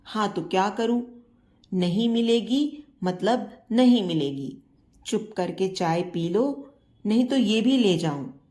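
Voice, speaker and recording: A woman voicing a sharp-tongued but caring older wife who scolds her husband. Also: medium pitch, lively intonation, takes it slowly. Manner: scolding, bossy but loving.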